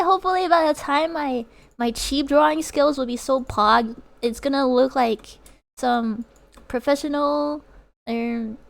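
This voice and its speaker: A woman's voice: sits high, gravelly. A young woman chatting casually with her viewers during a drawing livestream, reading out messages and giggling often. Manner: giggly, reads out chat. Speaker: art streamer.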